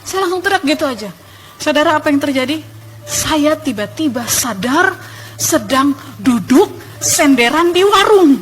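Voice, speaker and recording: A woman's voice: high-pitched, expressive, unhurried, a little hiss or hum. A woman giving a dramatic church testimony, telling her story and putting rhetorical questions to the congregation.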